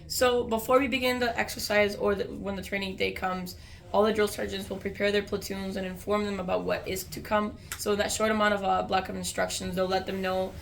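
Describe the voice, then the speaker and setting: Gravelly-voiced American woman explaining procedures. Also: mid-range voice, level tone, brisk, slight background noise. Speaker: army soldier explaining training. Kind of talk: informal explanatory interview.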